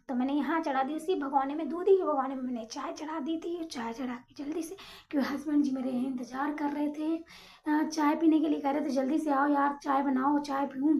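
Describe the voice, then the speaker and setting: Fast-talking high-voiced woman vlogger. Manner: rapid, chatty, apologizes for talking fast. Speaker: home vlogger. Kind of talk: casual cooking voice-over.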